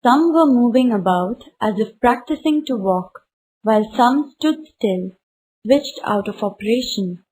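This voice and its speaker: A woman, reading a textbook story aloud slowly and carefully for a class. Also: a little high, a little mellow, a little hiss or hum, rough recording. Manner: slow, careful read-aloud.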